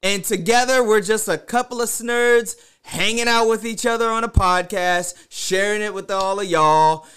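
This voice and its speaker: A man's voice: high-pitched, normal speed, few pauses, a bit bright, clean tone. A man co-hosting a podcast in casual, bantering chat, with a playful, teasing manner. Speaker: podcast co-host.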